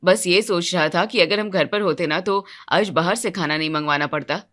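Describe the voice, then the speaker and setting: A woman voicing a weary grown man, a quiet husband in an animated storybook, speaking in a subdued, lowered voice. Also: moderate pace, lightly acted. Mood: calm, tired. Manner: subdued, low-key, quietly complaining.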